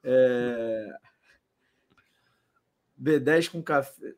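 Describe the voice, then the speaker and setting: A young man co-hosting a football live stream, excitable and joking, laughing and swearing often. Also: medium pitch, extremely slow. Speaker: co-host of a football channel. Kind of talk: casual live-stream chat.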